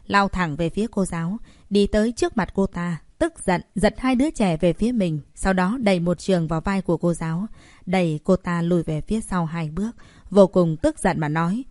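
A woman reading a romance story aloud as a narrator, shifting her pitch slightly for the characters' lines. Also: mellow, no room sound, clean studio sound. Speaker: audiobook narrator.

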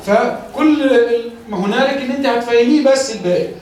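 A man with an Egyptian Arabic accent and a very high voice, lecturing teachers in a classroom. He explains step by step and keeps asking questions he then answers himself. The mic sits far off in a very echoey room. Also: fast talker, darkish tone. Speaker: teacher trainer. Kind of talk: lecture on teaching children to read.

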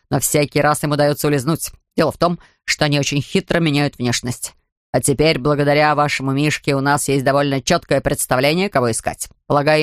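A woman doing a calm explaining policeman. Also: low-pitched, no echo, studio quality, pitched below the performer's own voice, natural voice. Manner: measured and explanatory. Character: calm, knowing middle-aged male policeman.

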